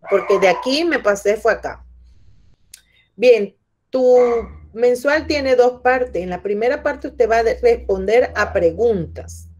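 Woman teacher, patient and repetitive, talking students through an assignment; high-ish voice, unhurried, muffled call audio. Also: a little mellow. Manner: patient, repeats instructions, addresses students by name. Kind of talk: online class instructions. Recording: dull lo-fi audio.

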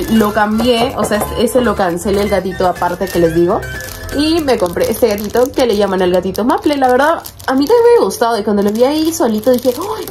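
A young woman chatting casually as she unboxes toys, excitable, often squealing over cute little figures. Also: mid-range voice. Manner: chatty, uses many diminutives. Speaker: toy collector vlogger.

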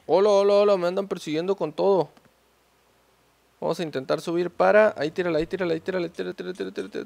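A young man with a Mexican Spanish accent giving casual, slangy commentary as he plays a mobile game, talking to himself and yelling when things explode. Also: sits high, gravelly. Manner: excitable, slangy, talks to himself while playing. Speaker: gameplay streamer. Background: faint game music.

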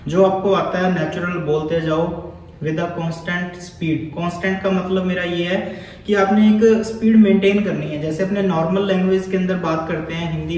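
High-voiced man coaching in an echoey room. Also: a little mellow, distant mic, a little hiss or hum. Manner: direct, addresses students familiarly; repeats key words for emphasis. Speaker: IELTS speaking teacher. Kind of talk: coaching lesson to students. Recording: echoey room, voice from away from the mic.

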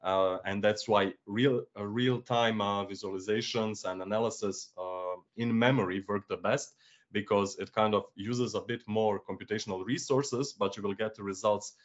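A man's voice: lowish voice, steady tone, moderate pace. A young man with a Croatian accent, explaining technical topics on a video call with many uh fillers. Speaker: developer relations engineer. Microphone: headset on video call. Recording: dull lo-fi call audio.

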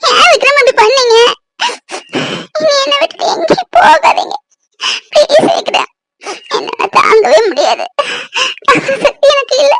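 Woman voicing a sobbing cartoon wife, very high. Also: a little hiss or hum. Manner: sobbing, pleading, high-pitched. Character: tearful young wife, clingy and devoted.

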